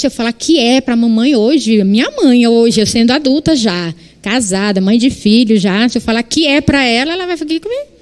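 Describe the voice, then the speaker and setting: A woman in her thirties with a Brazilian Portuguese accent, preaching a church sermon and acting out quoted dialogue. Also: on the high side. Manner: animated, acts out quoted dialogue.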